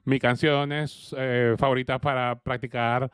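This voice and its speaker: A man interpreting an early childhood education lecture, speaking slowly and haltingly with frequent fillers. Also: mid-range voice, level tone, fairly bright tone, clean tone, dry recording, clean studio sound. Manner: hesitant, with frequent fillers and uneven pace.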